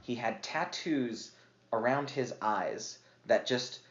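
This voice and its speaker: A man's voice: medium pitch, slow pace, slight background noise. A slightly tipsy man, a podcast guest, chatting casually about his game with lots of fillers and laughs. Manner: rambling, filler-heavy, laughs often. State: a little tipsy. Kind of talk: casual chat. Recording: roomy, dull lo-fi podcast audio.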